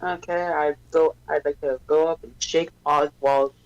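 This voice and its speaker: Player firing off quick game moves. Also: medium pitch, steady tone, clean tone, lo-fi sound. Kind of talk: tabletop game play.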